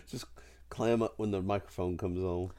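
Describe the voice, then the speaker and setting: A man's voice: low-pitched, unhurried, a little mellow. A middle-aged man who is sick with a cold, chatting casually and jokingly as a podcast co-host. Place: at home in a house.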